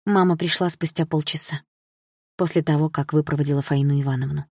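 A woman reading a first-person novel aloud in an even, measured way. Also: low voice, no echo, clean studio sound. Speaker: audiobook narrator.

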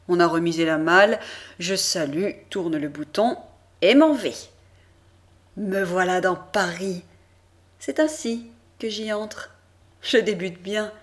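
A woman narrating a novel as an audiobook in a measured, expressive first-person reading. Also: on the low side. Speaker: audiobook reader.

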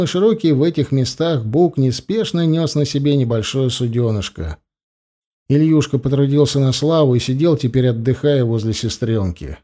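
Male audiobook narrator: animated, mellow, measured. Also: medium pitch.

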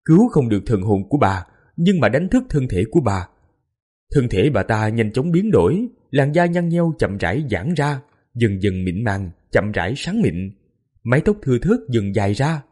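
Male audiobook narrator, dramatic and mournful, husky voice with a lively pitch. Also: normal speed. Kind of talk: scripted narration.

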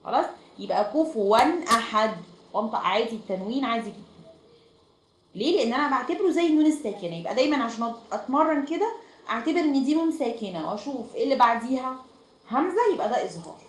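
Woman with egyptian accent teaching online, checking "right?" a lot, quick and echoey. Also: fairly high pitch, sing-song. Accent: Egyptian Arabic. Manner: explains step by step, checks "right?" often. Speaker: Quran recitation teacher. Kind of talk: online group lesson. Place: room at home. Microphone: online voice chat. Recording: echoey room, faint noise.

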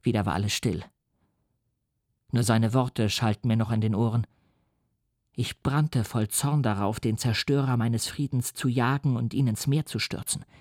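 A man narrating a literary reading for radio in the first person, in a grave, measured tone. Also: mid-range voice, fairly even intonation, darkish tone, no echo, studio quality.

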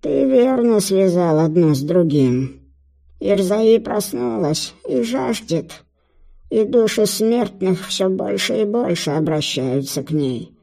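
Squeaky gravelly root-creature messenger, sly, slow and drawn out, storybook. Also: male voice, lively intonation, mellow, full character voice. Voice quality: squeaky, creaking. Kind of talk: audiobook character voice.

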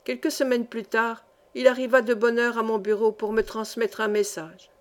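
A woman's voice: on the high side, flat delivery, moderate pace. A woman narrating a fantasy story for an audiobook, reading steadily.

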